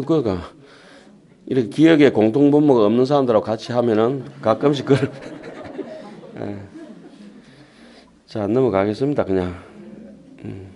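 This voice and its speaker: A middle-aged male Buddhist monk with a Gyeongsang accent, lecturing on a sutra to lay Buddhists. He reads the text slowly and deliberately, then drops into quick, chatty asides to the audience. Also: medium pitch, mellow. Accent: Gyeongsang dialect. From Gyeongsang region of Korea. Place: temple lecture hall with an audience.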